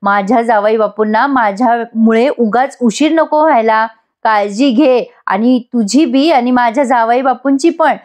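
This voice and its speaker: A woman's voice: a little high, measured pace, a little mellow, natural voice. A woman voicing a fussing mother who dotes on her son-in-law and scolds her daughter. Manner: scolding, nagging, rustic turns of phrase.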